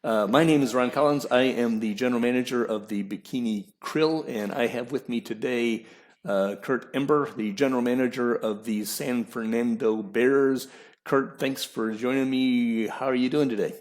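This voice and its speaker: A man hosting a casual podcast chat, relaxed and hesitant, with many fillers. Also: mid-range voice, moderate pace. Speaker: podcast host.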